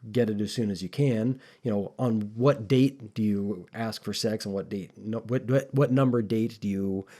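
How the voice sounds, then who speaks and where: Guy with a lowish mellow voice, chatting on a podcast, kinda rambly and thoughtful. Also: normal speed. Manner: rambling, thoughtful, with many restarts and fillers. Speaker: podcast co-host. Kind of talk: casual podcast chat.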